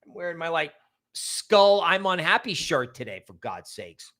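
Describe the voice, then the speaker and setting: In a sing-song, slightly high voice that's bright and forceful, a man runs a laid-back livestream at a moderate pace. He wanders from topic to topic, hammering points by repeating words, shouting out viewers and doing promotion.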